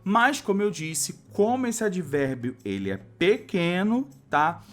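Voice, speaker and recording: A man's voice: high-pitched, very animated, takes it slowly, a bit bright. A man teaching a grammar lesson for exam prep, explaining step by step and often checking in with "tá?". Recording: faint music under the voice.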